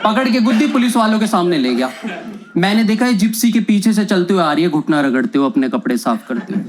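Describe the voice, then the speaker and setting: A man's voice: high-pitched, quick pace. Young man telling stand-up stories. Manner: animated storyteller acting out quoted lines, laughing along. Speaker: stand-up comedian. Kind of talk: stand-up comedy storytelling. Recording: loud background noise.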